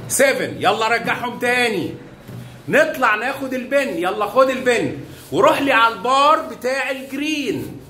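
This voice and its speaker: A primary school math teacher with an Egyptian Arabic accent coaxes young children through lessons, showering them with praise and pet names. His voice is very high, sing-song, pushed and bright, at a normal speed. The room is echoey with faint background noise.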